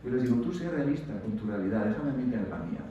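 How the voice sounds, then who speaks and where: A man with a Spanish accent giving a motivational lecture to university students, speaking in an animated way and acting out the voices of people he quotes. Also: mid-range voice, rapid-fire, a little hiss or hum. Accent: Spanish from Spain. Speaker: guest lecturer. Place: large lecture hall. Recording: distant, dull-sounding mic in a very echoey hall.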